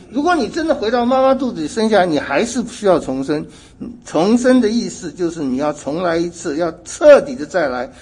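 A man's voice: a little high, a little mellow, breathy edge. A man preaching a sermon in an earnest way, asking rhetorical questions and correcting himself as he goes.

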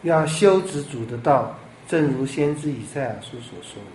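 A man preaching a sermon as a pastor, animated, with rhetorical questions and big swings in loudness. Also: medium pitch, normal speed, slight background noise. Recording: echoey room with faint ambience.

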